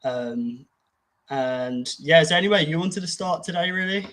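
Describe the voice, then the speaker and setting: A man co-hosting a casual podcast, easygoing and reflective, with filler pauses. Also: a little high, fairly bright tone. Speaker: podcast co-host. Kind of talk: casual conversational podcast chat.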